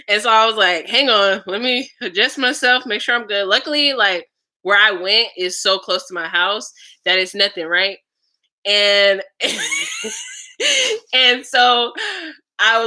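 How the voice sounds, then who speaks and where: A woman's voice: medium pitch, pushed and bright. A young woman telling casual stories in a vlog, chatty and frank, swearing and laughing often. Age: young adult. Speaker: vlogger.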